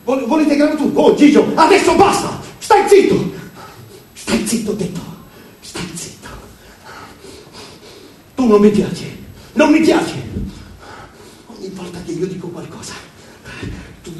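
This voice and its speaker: A man voicing a brash, hotheaded male pigeon gang leader who shouts and brags. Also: high-pitched, lively intonation, normal speed, slight background noise. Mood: furious. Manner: shouting, boastful, bossy. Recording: roomy, distant mic, faint background.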